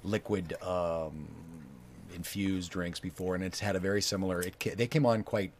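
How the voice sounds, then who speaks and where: Homem de voz grave, hesitante. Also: male voice, sits low, fairly even intonation, a little hiss or hum. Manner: halting, many fillers and restarts. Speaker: co-host. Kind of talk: casual chat.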